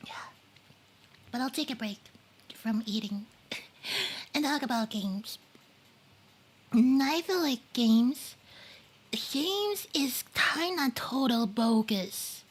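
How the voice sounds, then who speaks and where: A woman's voice: on the high side, lively intonation, slow, pauses often, breathy edge. A woman streaming live, chatting casually and rambling about games while reading chat messages aloud, with many fillers and some whispered asides. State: eating while talking. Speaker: livestreamer.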